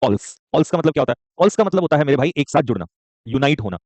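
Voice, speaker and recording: A man teaching a live online vocabulary class, joking and rapid, often checking in with students and calling them son. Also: on the high side, sing-song, no room sound. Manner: joking, rapid, keeps asking "okay?"; addresses students warmly as son.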